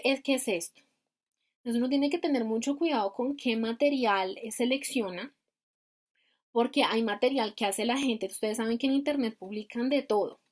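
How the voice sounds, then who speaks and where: A woman teaching grammar over a video call, explaining step by step and asking rhetorical questions. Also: fairly high pitch. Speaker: grammar instructor.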